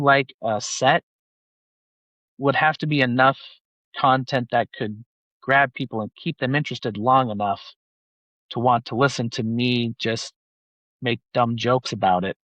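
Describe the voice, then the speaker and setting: He's a forties-aged banker from Utah, USA, rambling through a casual interview with lots of filler and repeated "like"s. The voice is mid-range and a bit bright, recorded without echo but with the highs cut off.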